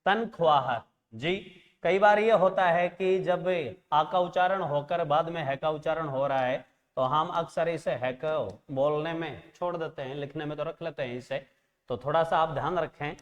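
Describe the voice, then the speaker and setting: A man's voice: on the high side, moderate pace, lo-fi sound. A man teaching an exam-prep language lesson, patiently correcting pronunciation and spelling word by word. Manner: patient, corrects pronunciation, calls students "beta" and "friends". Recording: long reverb.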